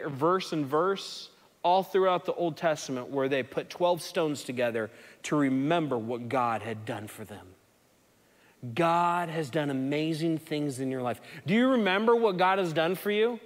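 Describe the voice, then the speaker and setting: Man preaching in a reverberant hall. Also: sits high. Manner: storytelling, earnest, conversational. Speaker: pastor. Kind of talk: sermon.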